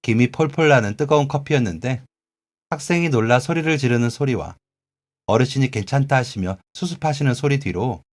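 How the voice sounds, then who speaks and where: A man voicing an earnest, gentle male café regular who pleads sincerely, read as a radio drama. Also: medium pitch, a little fast, close to an everyday voice.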